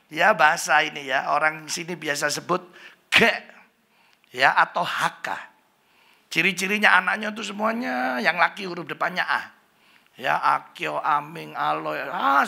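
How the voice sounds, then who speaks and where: Joking preacher, gravelly bright voice. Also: male voice, fairly high pitch. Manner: chatty, joking, slips into Javanese, mimics Chinese greetings. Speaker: pastor. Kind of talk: humorous sermon. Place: church hall.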